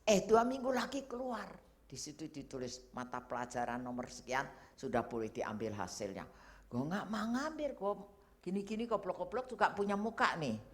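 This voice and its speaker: A middle-aged woman evangelist preaching a sermon, telling a personal story with lively swings from loud exclamations to hushed asides, slipping in English phrases. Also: low voice, normal speed.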